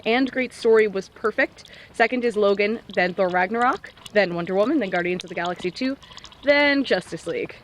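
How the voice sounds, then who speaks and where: A woman's voice: mid-range voice, slight background noise, low-quality recording. A young woman co-hosting a casual vlog outdoors in the snow, chatting in a bubbly way and laughing often. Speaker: vlog co-host. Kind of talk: casual chat.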